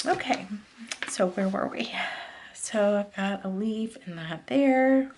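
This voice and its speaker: A woman's voice: medium pitch, takes it slowly, a little mellow, slight background noise. A woman vlogger chatting casually while decorating her planner, rambling and confiding as she drifts off-topic.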